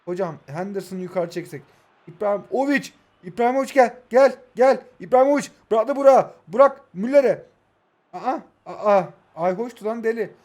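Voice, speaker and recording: Excitable young man shouting game commentary. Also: high-pitched, normal speed. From Turkey. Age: 20s. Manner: loud swings between shouting at players and muttering. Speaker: mobile football gaming YouTuber. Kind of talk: excitable live gameplay commentary.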